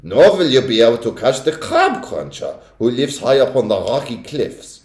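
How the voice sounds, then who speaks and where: A man voicing a domineering female witch leader with a shrill, theatrical voice. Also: very animated, moderate pace, darkish tone, reverberant. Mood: imperious.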